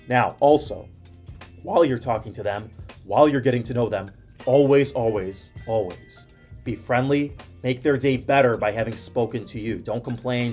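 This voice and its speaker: Animated man giving study advice, music behind. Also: medium pitch. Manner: animated storytelling with frequent "like" fillers. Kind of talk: casual advice to camera.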